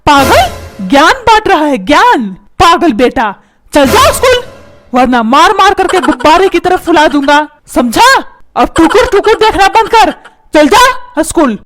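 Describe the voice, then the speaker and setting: Cartoon dad, hot-tempered, mocking, woman voicing him, squeaky high, lively. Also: unhurried, soft background music, exaggerated voice. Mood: angry scolding. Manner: scolding, shouting orders, repeats words mockingly. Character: short-tempered stingy middle-aged father. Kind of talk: cartoon comedy voice acting.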